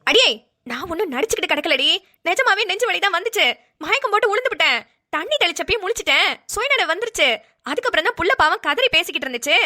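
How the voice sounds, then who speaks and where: A woman's voice: extremely high pitch, lively intonation, fast talker, bright, forceful tone, exaggerated voice. A woman voicing a mischievous elderly grandmother in a cartoon, teasing and rustic in manner. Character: mischievous elderly grandmother who fakes fainting. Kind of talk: cartoon voice acting.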